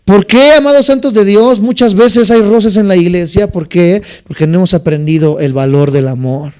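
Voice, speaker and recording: A pastor delivers a sermon in a noticeably high voice for a man. He keeps turning to the congregation with rhetorical questions and folksy stories. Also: normal speed, a little mellow, clear, resonant tone. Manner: preaching with rhetorical questions and anecdotes.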